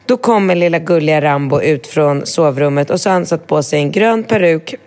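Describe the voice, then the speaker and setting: Woman, casual chat, animated storyteller, slightly low pitch, swears freely. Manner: lively storyteller, swears, acts out quoted voices. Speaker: mother of three small children.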